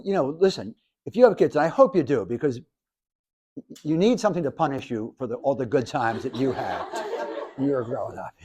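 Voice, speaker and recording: Animated man in his seventies lecturing. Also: mid-range voice, husky. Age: 70s. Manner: animated, jokey, talks to the audience, restarts often. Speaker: professor and speaker. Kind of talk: lively classroom lecture.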